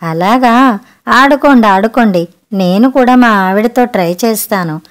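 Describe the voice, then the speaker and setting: A woman's voice: a little high, unhurried, natural voice. A woman voicing a nosy elderly male neighbor who pries into a couple's quarrel. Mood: prying. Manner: prying, teasing.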